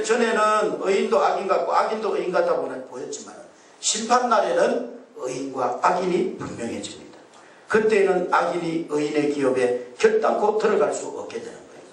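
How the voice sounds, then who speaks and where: High-voiced preacher in an echoey church. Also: male voice. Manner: animated, leads call-and-response. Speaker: pastor. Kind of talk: sermon. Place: church sanctuary. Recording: echoey church hall, mic at a distance.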